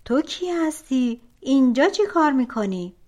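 A woman's voice: sits high, sing-song, darkish tone, voice pushed up. A woman voicing a brave young prince who speaks firmly in a storybook reading. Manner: firm, defiant.

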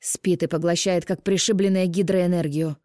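A woman's voice: fairly low pitch, fairly even intonation, moderate pace, mellow, dry recording, studio quality, lightly acted. A woman reading an audiobook voices a stern male healer who grumbles and insists firmly. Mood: insistent. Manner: firm, grumbling.

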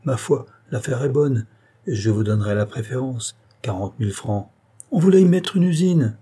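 A hearty, self-satisfied country notary who boasts about his practical sense and talks in quick exclamations, as a male reader puts him on. The voice is warm and husky, lifted a little above the reader's own pitch. This is storybook narration.

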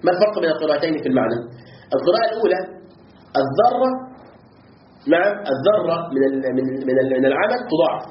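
A man's voice: a little high, sing-song, racing, long pauses. A man teaching a lesson on Quran commentary. He often asks his students questions and repeats words to drill them. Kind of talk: classroom lesson. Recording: roomy, slightly dull recording with faint background noise.

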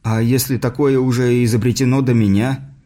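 A man's voice: mid-range voice, level tone, moderate pace, warm tone, natural voice. A man voicing an eager, curious young schoolboy inventor in an audiobook.

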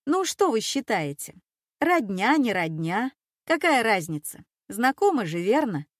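A woman voicing a gentle, polite young woman. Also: a little high, sing-song, measured pace, no echo, studio quality, voice pushed up. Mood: conciliatory. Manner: soft-spoken, conciliatory. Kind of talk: audiobook character voice.

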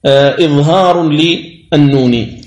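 Male tajwid teacher, fairly high voice, deliberate and patient, echoey room. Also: a little mellow. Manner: slow, deliberate explanation with drawn-out recited examples. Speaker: Quran recitation teacher. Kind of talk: tajwid lesson commentary.

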